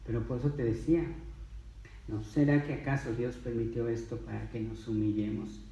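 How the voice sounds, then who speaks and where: A man's voice: medium pitch, level tone, moderate pace, creaky, dark tone, echoey room, recorded from a distance, rough recording. A man preaching a sermon, emphatic and full of rhetorical questions.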